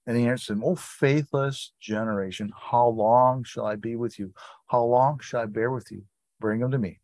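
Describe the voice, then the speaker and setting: A man's voice: medium pitch, fairly even intonation, normal speed, darkish tone, no echo. A man leading an informal Bible study, reading scripture aloud and breaking off into conversational asides.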